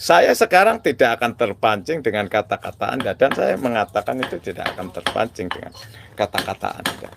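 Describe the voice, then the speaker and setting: A man's voice: medium pitch, animated, brisk, vocal fry, a bit bright, a little hiss or hum. A man tinged speech talking to his viewers in a casual monologue, preachy and mixing religious phrases slang. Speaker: video maker addressing viewers.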